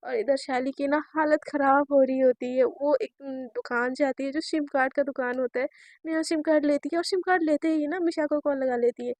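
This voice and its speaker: A woman's voice: sits high, fairly even intonation, brisk, a little mellow, no room sound. A woman telling a romantic story in a chatty, casual way, speaking directly to her listeners.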